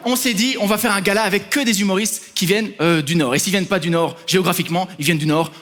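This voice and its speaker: Fast excitable man hosting a comedy gala. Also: high voice, big-room sound. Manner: fast, excitable, bursts into shouting. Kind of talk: stand-up banter on stage. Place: large theater stage.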